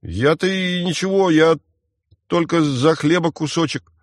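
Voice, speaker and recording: A man's voice: fairly high pitch, no echo, studio quality, voice pushed up, close to an everyday voice. A man reading an audiobook voices a frightened, defiant boy thief who whines and snaps back. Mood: wary. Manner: squabbling, whining, quick to snap back. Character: scrappy scared boy thief, defiant and whiny.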